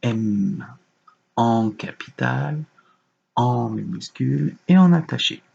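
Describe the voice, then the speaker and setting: A man teaching young children a remote lesson, giving slow, patient, gentle instructions. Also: mid-range voice, expressive, gravelly, slightly rough, highs cut off. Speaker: kindergarten teacher.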